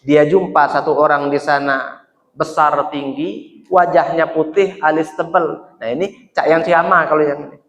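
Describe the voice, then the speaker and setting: An animated man with a Palembang accent tells a sermon story, his voice sitting fairly high and addressing the congregation directly. A big mosque hall lends a long, ringing reverb. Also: moderate pace. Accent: Palembang Malay. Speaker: preacher.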